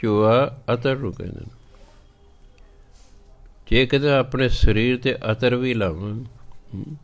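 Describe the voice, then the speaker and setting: A man delivers a scripture exposition at an unhurried pace, his voice sitting at an ordinary middle pitch. He chants verse lines, then stops to spell out how each word should be said and what it means. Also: fairly even intonation. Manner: slow, deliberate teaching, corrects pronunciation. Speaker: preacher.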